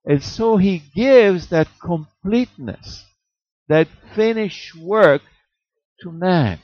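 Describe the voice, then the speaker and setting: Guy preaching, gravelly voice, stacks up words for emphasis, dull dry sound. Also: on the high side, no echo. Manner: rhetorical, repeats words for emphasis, jokes with chuckles. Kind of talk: sermon. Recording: dull, slightly muffled dry recording.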